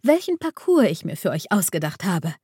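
A woman's voice: lowish voice, sing-song, moderate pace, darkish tone, husky, no room sound, clean studio sound, full character voice. A woman voicing Frau Meersand, a kind mermaid teacher who explains patiently, in a storybook reading. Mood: reassuring.

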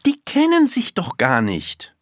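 A storybook reader voicing a stubborn, earnest little girl in first grade, high and lively. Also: unhurried, dry recording, clean studio sound. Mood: insistent. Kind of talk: storybook reading.

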